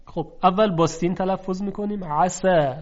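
A man teaches Quran recitation in a fairly high voice. He explains patiently and slowly sounds out pairs of letters to contrast them. The recording is dull and lo-fi. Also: a little mellow. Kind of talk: instructional lesson.

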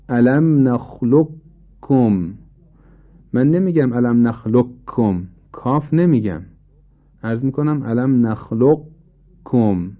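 A man giving a formal, patient lesson on Quran recitation rules, slowing down to demonstrate pronunciation. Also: medium pitch. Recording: tinny phone-like sound.

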